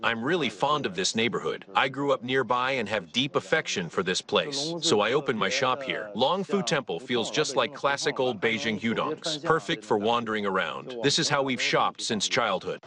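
A local shop owner speaks plainly and fondly in a news interview. His voice sits at a middle pitch for a man. Crowd chatter is clearly heard behind him. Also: animated, moderate pace, few pauses. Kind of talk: interview soundbite.

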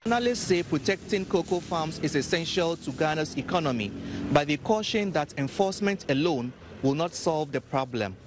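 A man's voice: fairly high pitch, lively intonation. Male field correspondent, formal report delivery with faint outdoor hum. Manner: measured, formal. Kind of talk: scripted news report.

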